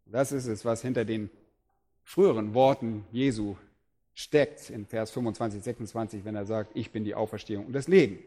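A man's voice: fairly low pitch, fairly even intonation, moderate pace, warm tone. A middle-aged man preaching a sermon, reading Bible passages aloud and then expounding them with emphatic rises.

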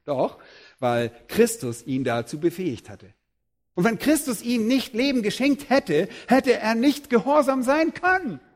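Animated preaching man. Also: very high-pitched, measured pace. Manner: reads Bible passages aloud, then preaches with emphatic rises. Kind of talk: sermon.

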